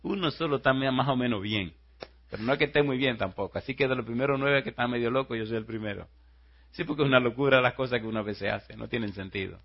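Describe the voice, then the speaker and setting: A man preaching a sermon as pastor. He tells stories quietly and then rises into loud rhetorical questions to the congregation. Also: medium pitch, fast, lo-fi sound.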